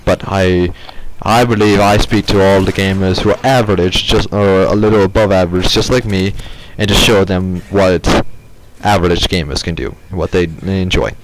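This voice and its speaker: A man's voice: low voice, steady tone, moderate pace, few pauses. A man giving casual gameplay commentary, rambling and slipping in and out of a put-on odd accent. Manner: rambling, with many fillers and restarts. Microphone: sensitive desk mic. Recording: game gunfire and artillery noise behind.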